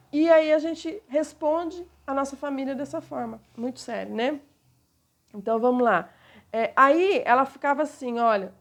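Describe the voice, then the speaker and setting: Brazilian woman pastor with a high voice, talking through a book with her congregation. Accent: Brazilian Portuguese. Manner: conversational, frequent tag questions. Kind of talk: sermon-style book reading and teaching.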